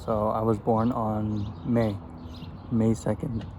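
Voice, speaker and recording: Eating outside, a man from Afghanistan in his twenties answers get-to-know-me questions for his vlog, relaxed and rambling loosely. He has a lowish voice with little pitch movement and talks at a slow pace. Birdsong and ambient noise fill the background.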